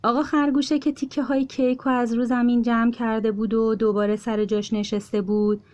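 A woman storyteller reading a children's story aloud with an expressive, rising and falling delivery. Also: a little high.

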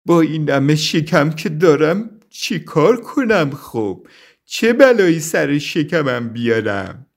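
A man's voice: on the high side, very animated. A man voicing a greedy giant gummy bear who grumbles and takes offense easily, in a storybook reading. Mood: sheepish.

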